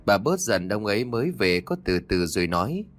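A man voicing a gentle young lady. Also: fairly low pitch, brisk, soft background music. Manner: calm, kind, soothing.

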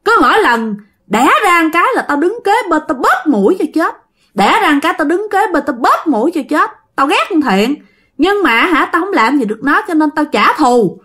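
Shrill wailing ghost woman, as a storyteller puts her on. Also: sing-song, normal speed, a bit bright. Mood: shrill spite. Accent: Southern Vietnamese. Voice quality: shrill, piercing. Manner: wailing, spiteful threats.

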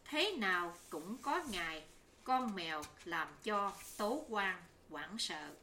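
A woman reads a novel aloud as an audiobook narrator, in a measured, even storytelling manner. She takes her time, and her voice sounds bright and a little tense. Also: medium pitch, slight background noise.

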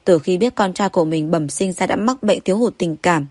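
Female audiobook narrator, low voice, dry close sound, even reading. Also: fairly quick, no room sound. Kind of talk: scripted story narration.

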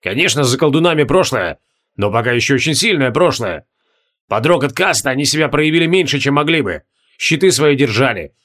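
A man reading an audiobook voices a calm male advisor explaining the balance of forces. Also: medium pitch, close to an everyday voice. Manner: measured, explaining.

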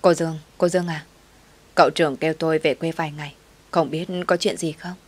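A woman's voice: low voice, fairly even intonation, a little fast, a little mellow, breathy edge. A woman reading the lines of an older, kindly housekeeper who speaks humbly and with care. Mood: caring. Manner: humble, caring.

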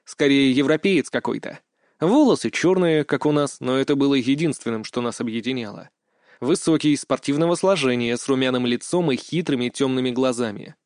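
A man's voice: medium pitch, a little fast, darkish tone, no room sound. Man reading an audiobook, dry. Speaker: narrator. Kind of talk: first-person audiobook narration.

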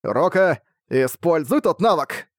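A man's voice: on the high side, expressive, quick pace, no room sound, voice pushed up, natural voice. A man voicing a bold, cheerful young male commander who calls out orders and teases, in a dry recording. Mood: confident. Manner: commanding, teasing shouts.

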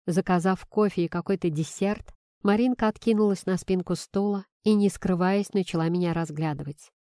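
A woman reading an audiobook in a measured, even way, narrating in the first person. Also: on the low side, no room sound, studio quality. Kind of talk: scripted narration.

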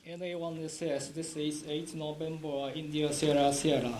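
Male radio operator heard over a radio link, slow measured call signs, slightly high voice, echoey noisy feed with clicks. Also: flat delivery. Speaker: ground station control operator. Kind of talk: amateur radio call procedure.

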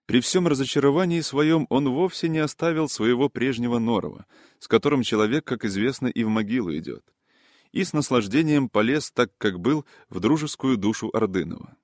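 Brief: male audiobook narrator, steady literary reading, middle pitch, dry close studio sound. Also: dry recording. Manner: measured, even reading.

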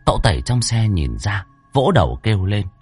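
A man narrating a comic story in a lively, expressive way. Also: lowish voice, brisk, breathy edge, faint music behind.

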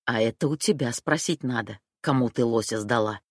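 A woman voicing a nervous, hot-tempered young man who mutters in a lowered voice and flares up into shouting. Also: fairly quick, husky, dry recording, studio quality, exaggerated voice. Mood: tense, grim. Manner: lowered voice, blurts, shouts when accused.

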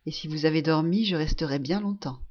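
A woman reading a gentle young nurse. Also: low-pitched, brisk, highs cut off, voice pushed down. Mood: coaxing. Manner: soft, coaxing, reassuring. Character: gentle young woman nursing a sick friend.

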